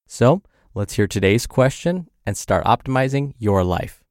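A man's voice: mid-range voice, very animated, unhurried, darkish tone, no room sound, clean studio sound. A man hosting a health advice show in an upbeat, tidy, instructive manner, speaking directly to the listener in a scripted style. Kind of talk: scripted advice podcast narration.

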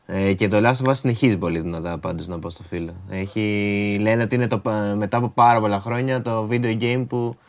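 A man's voice: fairly low pitch, hardly any pauses. A man co-hosting a radio show in casual chat, easygoing and joking as he announces events. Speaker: radio co-host.

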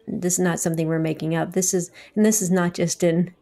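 Woman interviewer; low-pitched, level delivery, practical and direct. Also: steady tone, brisk, mellow. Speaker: host. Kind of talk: interview hosting.

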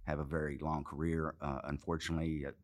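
Low-voiced Arkansas man in his fifties. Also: little pitch movement, fast. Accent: Arkansas Southern American. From Arkansas, USA. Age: 50s. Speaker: interview guest, military veteran. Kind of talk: conversational life-story interview.

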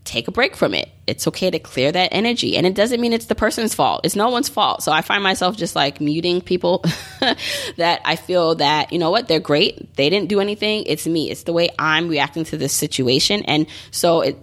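A woman's voice: on the low side, lively intonation, normal speed. A woman in her thirties hosting her own podcast, talking in a chatty, upbeat and encouraging way with plenty of "like" and "you know". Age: 30s. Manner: chatty, upbeat, motivational, many fillers. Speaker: podcast host. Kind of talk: solo podcast monologue.

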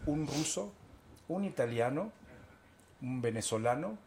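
A man's voice: medium pitch, a little slow, a little hiss or hum. A man from Argentina, an actor and guest, telling anecdotes in a casual chat and acting out the scenes. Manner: animated storyteller, acts out scenes.

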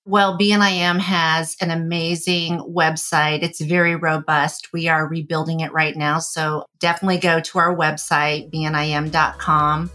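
A middle-aged woman from Indonesia, a podcast guest talking in an animated, chatty way and laughing easily. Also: low-pitched, normal speed, few pauses. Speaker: podcast guest, architecture firm executive. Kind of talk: conversational interview.

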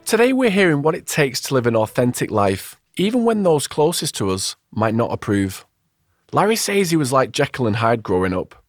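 Man hosting a podcast, lively intonation. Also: mid-range voice, moderate pace. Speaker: podcast host. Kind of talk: scripted podcast narration and interviewing.

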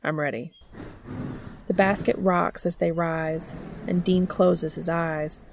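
A woman narrating a romantic story in a steady, even-toned reading. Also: lowish voice, takes it slowly, vocal fry, noisy background. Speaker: audiobook narrator.

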